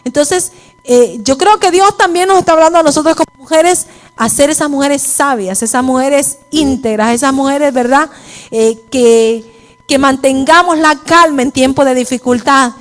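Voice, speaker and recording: A woman's voice: sits high, moderate pace. A woman preaching a sermon at a women's church service, mixing personal testimony with preaching and often asking her listeners if they follow. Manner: repeats "¿me entiende?" to the listeners.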